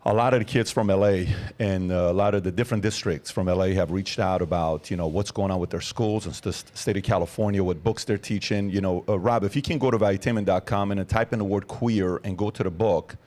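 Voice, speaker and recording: A man's voice: low-pitched, quick pace, hardly any pauses, darkish tone. A man in his forties hosting a podcast, building long questions with many fillers before he asks. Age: 40s. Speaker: podcast host. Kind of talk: interview questions.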